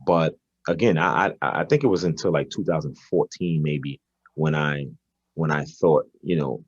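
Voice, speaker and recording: Speaking at a moderate pace in a bass voice, a 40-something basketball coach from Brooklyn, New York, answers interview questions conversationally. He hesitates and repeats words as he works out his thoughts. The audio is dry, with the highs cut off.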